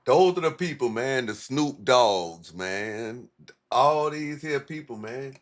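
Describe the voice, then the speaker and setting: A man's voice: mid-range voice, animated, takes it slowly. A man hosting a casual, profane livestream, rambling in a laid-back stoner way with heavy slang and swearing. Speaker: livestream host.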